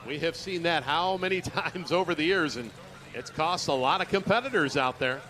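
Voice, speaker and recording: A man's voice: fairly high pitch, normal speed, pushed and bright. A man giving live commentary as a tractor pull announcer at an outdoor event. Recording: noisy outdoor event with vehicles. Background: engine and outdoor noise.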